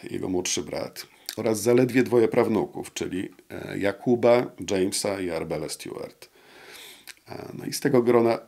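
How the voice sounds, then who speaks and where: A man in his sixties, an interview guest, explaining history at a measured pace with many hesitant fillers, recorded on a lapel mic in a studio room. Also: on the low side, vocal fry, a little mellow. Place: wood-panelled studio room with brick wall.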